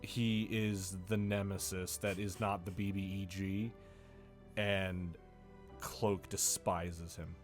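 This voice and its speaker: A man who is a player on the podcast, chatting casually in a low-key way that trails off softly. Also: flat delivery, slow, faint music behind. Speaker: player on a tabletop game podcast. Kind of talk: casual roundtable chat.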